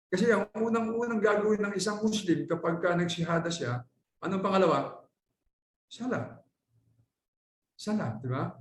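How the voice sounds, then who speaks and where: A man's voice: high-pitched, moderate pace, pauses often. Male Filipino lecturer in an echoey hall. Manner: conversational teaching, checks in with "okay?" and "di ba?"; mixes in English phrases. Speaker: Islamic lecturer. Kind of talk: classroom religious lecture. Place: lecture hall at a dawah center. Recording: echoey room recording.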